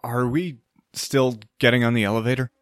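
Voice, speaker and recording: An actor playing a good-natured, slow-witted sidekick in an audio drama, stammering, anxious and a little whiny. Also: male voice, mid-range voice, steady tone, no room sound, clean studio sound, natural voice. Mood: uneasy. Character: nervous, dim, good-natured male sidekick. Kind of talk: audio drama comic acting.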